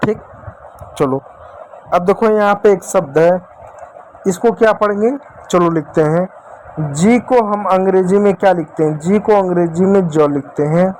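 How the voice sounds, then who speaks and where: A man's voice: sits high, normal speed, darkish tone, slight background noise, rough recording. A man teaching English spelling and phonics in Hindi, asking questions and answering them himself, repeating each step and calling his viewers dear children.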